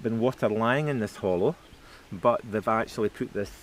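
A middle-aged man talks as a tour guide in a slightly deep voice. He is recorded outdoors on location, with noticeable ambient noise behind him. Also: normal speed. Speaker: distillery guide. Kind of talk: explanatory tour talk. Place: outdoors by a dam and pond.

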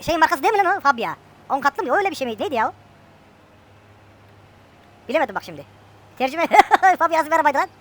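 Fast, bright-voiced woman joking around. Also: sits high. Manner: joking, bantering with a friend. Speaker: gameplay streamer. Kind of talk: casual chat while playing a farming game.

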